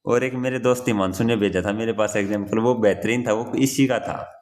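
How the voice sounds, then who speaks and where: A man's voice: fairly low pitch, fairly even intonation, brisk, darkish tone. A young man teaching an exam-prep grammar lesson in a casual, repetitive way, often repeating key phrases and calling the listener brother.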